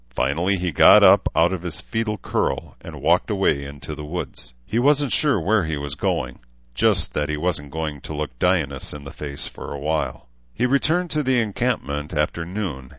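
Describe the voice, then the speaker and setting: A man narrating an audiobook in steady, even storytelling, in a slightly muffled recording. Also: low-pitched, dry recording. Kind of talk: scripted narration.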